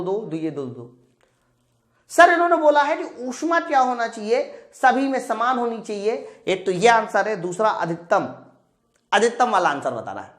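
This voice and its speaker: A man with an extremely high, slightly bright voice teaches an exam-prep physics class, working through questions out loud. He's emphatic and repetitive, often questioning his students, and the sound is roomy and echoing.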